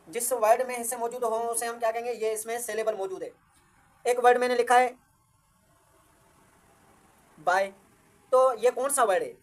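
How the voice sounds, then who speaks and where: Higher-pitched woman teaching grammar. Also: a bit bright. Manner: repeats questions and answers them herself; slow, deliberate reading of English definitions. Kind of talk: classroom-style grammar lesson.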